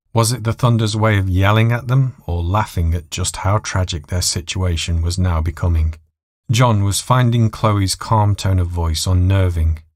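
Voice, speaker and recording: A man's voice: deep voice, no echo, studio quality. A man reading scripted dramatic story narration as the narrator.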